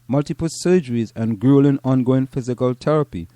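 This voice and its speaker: A middle-aged podcast co-host from Trinidad and Tobago reads a news piece aloud before drifting into casual chat, often stumbling and repeating words. His Trinidadian voice is dark and mellow, medium-pitched and fairly quick, in a dry recording with no echo and almost no room sound.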